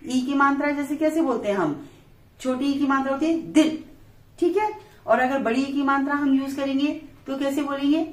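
A woman with an Indian English accent teaching a preschool phonics lesson at a blackboard. She spells each word out letter by letter and then says it crisply. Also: high-pitched, brisk. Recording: echoey room.

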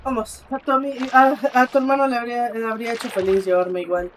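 A streamer delivers quick, flat commentary over a faint hiss or hum while playing. He chats with his viewers and speaks to the game character, alternating between loud exclamations and muttering under his breath.

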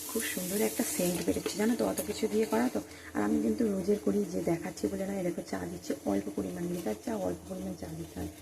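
A woman talking softly and chattily to her viewers while cooking at home in the early morning. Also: mid-range voice, creaky. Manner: speaks softly and quietly; chatty, addresses viewers directly. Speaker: vlogger. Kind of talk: casual cooking vlog. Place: home kitchen at dawn. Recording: noisy home recording.

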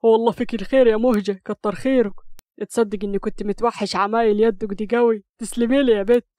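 A woman's voice: on the high side, steady tone, fast, mellow, no echo, natural voice. A woman voicing a teasing young husband, speaking with an Upper Egyptian accent in mock-cool banter. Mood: warm, teasing. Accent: Upper Egyptian Arabic. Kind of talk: audio story reading.

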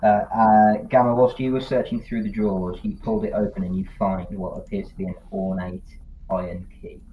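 A man's voice: on the low side, little pitch movement, brisk. A man narrating a tabletop game as game master, describing scenes steadily with fillers. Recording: tinny voice-chat audio, faint noise.

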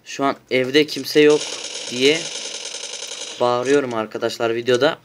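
A man giving loud, excitable commentary while playing a shooter game at home, often shouting and swearing at his teammates. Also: mid-range voice, unhurried, noisy background. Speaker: gaming YouTuber.

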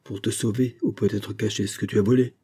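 A man reading aloud plays an outraged middle-aged banker father who shouts accusations at his son. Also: lowish voice, steady tone, a little fast, breathy edge.

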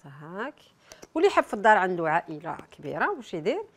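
Lively chatty Algerian woman cooking. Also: on the low side, racing. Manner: chatty, talks straight to viewers with frequent asides. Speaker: cooking show presenter. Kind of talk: cooking demonstration.

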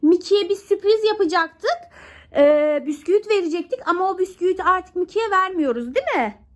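A woman's voice: very high-pitched, normal speed. A woman vlogger playfully scolding and questioning a child, firing question after question. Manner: mock-scolding, questioning, animated.

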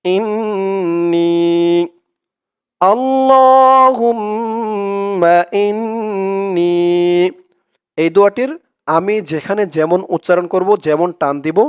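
A man's voice: on the high side, a little mellow, dry recording, clean studio sound. A man with a Bangladeshi accent teaching an Arabic prayer, spelling it letter by letter and stretching out each recited word. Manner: slow, drawn-out recitation of each word, then plain explanation. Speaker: Quran and dua teacher.

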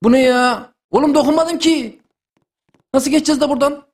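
A young man hosting a gaming video, giving excited running commentary with loud exclamations and repeated phrases. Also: extremely high pitch, brisk.

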